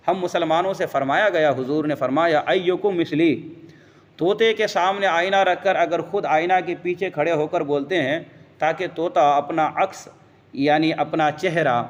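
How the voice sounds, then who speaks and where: A man's voice: on the high side, big-room sound. A man giving a religious lesson who explains step by step, quotes Arabic verses and answers his own questions. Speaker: religious teacher.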